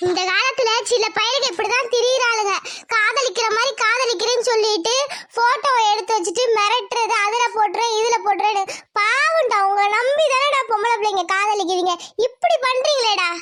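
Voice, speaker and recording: A woman's voice: very high-pitched, a little fast, pushed and bright. A woman voicing a stern but kindly village headwoman in a cartoon, commanding and reassuring. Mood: scolding. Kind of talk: cartoon comedy voice acting.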